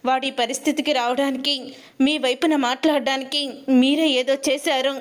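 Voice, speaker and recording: A woman storyteller recapping a TV serial episode, telling the plot in a steady way and reading the characters' dialogue as she goes. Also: high-pitched, normal speed. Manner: steady retelling with quoted dialogue.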